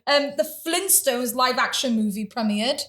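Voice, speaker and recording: Woman in her 30s, high and bright, giggly upbeat podcast co-host. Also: moderate pace. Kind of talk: casual chat, reading out a list.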